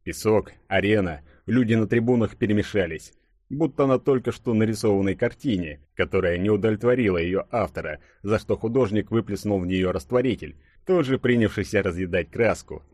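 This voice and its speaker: Brief: male audiobook narrator, low voice, dramatic measured delivery, dry close sound. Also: a little mellow, dry recording.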